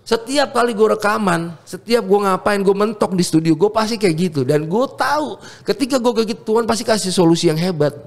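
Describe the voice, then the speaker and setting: A man, a music producer telling a personal faith story in a casual chat, fervent and animated, with English words slipped into his slang. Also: high-pitched, a little fast, gravelly, hardly any pauses.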